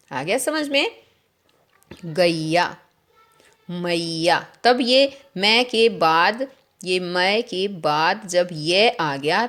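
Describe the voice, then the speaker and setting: Slow, patient woman teacher. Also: medium pitch. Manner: explains slowly, keeps asking children if they understood. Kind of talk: recorded Hindi lesson for young children.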